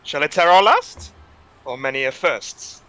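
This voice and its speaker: Grandiose mock mystical aether bard for tabletop rpg, high pitched, super swoopy. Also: male voice, animated, unhurried, sharp tone, rough recording. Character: theatrical spirit-touched aether-born bard, mock mystical. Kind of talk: tabletop role-play.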